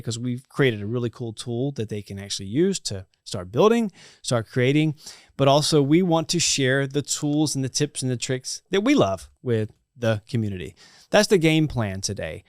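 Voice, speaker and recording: Upbeat male studio host with a smooth voice. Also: mid-range voice, no echo. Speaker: host, chief marketing officer. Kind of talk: casual studio talk show. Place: company studio.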